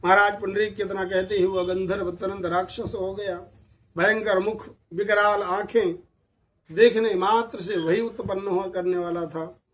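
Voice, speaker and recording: A male storyteller narrating a devotional tale in a reverent, measured way. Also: sits high, steady tone, rough recording.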